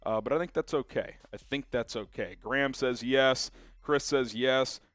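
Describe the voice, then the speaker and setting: A man's voice: medium pitch, moderate pace, dry recording, clean studio sound. Chatty man hosting a live sports stream. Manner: energetic, chatty, many fillers. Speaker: sports show host. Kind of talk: live-stream sports talk, reading viewer chat.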